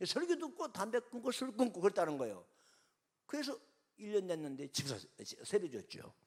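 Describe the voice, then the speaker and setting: A man's voice: sits high, sing-song, brisk. A middle-aged male pastor telling a story in a revival sermon, acting out the voices of the people he quotes.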